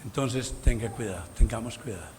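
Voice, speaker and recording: A man preaching a Sunday sermon as pastor, emphatic, with sudden loud bursts and exclamations. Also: on the low side, fairly quick, noisy background. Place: church sanctuary.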